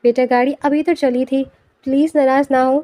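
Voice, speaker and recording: A woman's voice: high-pitched, fairly even intonation, warm tone, no echo, studio quality, natural voice. A woman voicing a teasing, affectionate young wife in an audiobook novel. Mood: playful.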